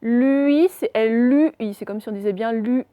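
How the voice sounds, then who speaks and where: A woman teaching a dictation lesson, slowly spelling out words letter by letter for her pupils. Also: on the high side, no room sound, highs cut off. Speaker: primary school teacher.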